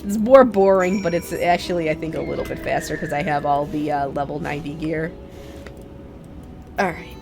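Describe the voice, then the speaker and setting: A woman's voice: low-pitched, moderate pace, vocal fry, over music. A woman doing casual gameplay commentary while sick with a congested chest, blunt and grumbling, with casual swearing. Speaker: game streamer.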